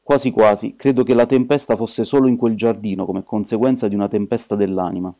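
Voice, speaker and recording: A man reading the part of a small, gentle priest detective who speaks calmly and quietly. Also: on the low side, fairly quick, lightly acted. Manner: calm, mild, quietly firm.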